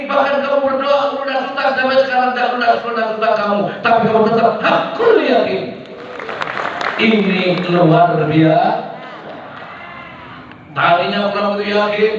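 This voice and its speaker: Male preacher, high voice, sermon with call-and-response, heard from afar in a long echoing hall. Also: slight background noise. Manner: rhetorical call-and-response, asking the crowd to agree. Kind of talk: sermon to a congregation. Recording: echoey hall, distant mic, dull sound.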